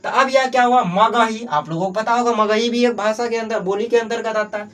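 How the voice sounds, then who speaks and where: High-voiced Bihari Hindi teacher. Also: male voice, a little fast, a little hiss or hum. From Bihar, Mithila region. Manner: asks and answers his own questions, heavy filler "jo hai". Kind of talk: exam-prep grammar class.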